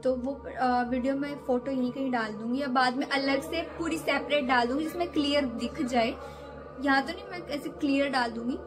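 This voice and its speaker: A woman's voice: high-pitched, fairly quick, music in the background. A young woman vlogger chatting casually to camera, rambling through a scary story from her own nights.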